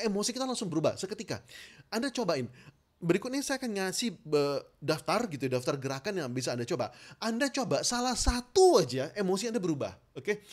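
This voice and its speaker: A self-help trainer speaks straight to the viewer in an instructional talk, coaxing them to try each exercise. The voice leaps widely up and down in pitch as it demonstrates tense and relaxed ways of speaking. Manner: animated, demonstrates tense versus relaxed speech; addresses the listener directly, coaxing.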